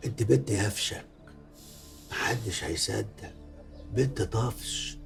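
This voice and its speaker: Over music, a lowish, gravelly, animated male voice speaks unhurriedly with an Egyptian Arabic accent. The actor is playing a conniving middle-aged man in a film drama who threatens his ex-lover. His manner is self-righteous and menacing, and his lines overflow with religious phrases.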